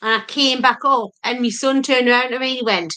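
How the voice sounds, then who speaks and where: A woman's voice: a little high, steady tone, a little fast, sharp tone. A woman co-hosting a casual live chat, chatty and teasing her husband. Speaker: livestream co-host.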